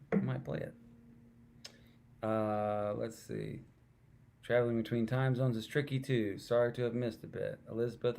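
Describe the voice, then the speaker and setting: A man's voice: lowish voice, gravelly, darkish tone. A middle-aged man hosting his own music livestream, chatting between songs in a rambling, self-deprecating way and reading out viewer comments. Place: at home, alone with a guitar.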